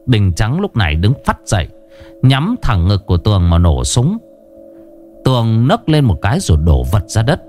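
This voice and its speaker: Low, expressive male storyteller. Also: normal speed, faint music behind. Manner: expressive, dramatic. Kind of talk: dramatic scripted narration.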